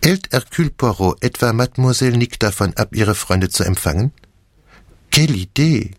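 An actor playing a clever, fussy middle-aged Belgian detective, speaking with a French accent and a precise, theatrical manner. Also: male voice, medium pitch, lively intonation, normal speed, no echo, clean studio sound, close to an everyday voice. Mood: smug lively. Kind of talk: audiobook character reading.

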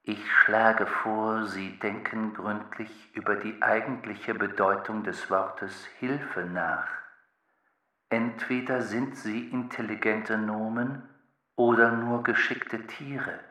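A man voicing a calm, cryptic thinking machine in an audiobook, speaking slowly and formally with an echoing machine effect. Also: on the low side. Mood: aloof. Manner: slow, measured, formal. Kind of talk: audiobook character voice. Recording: roomy echo on the voice.

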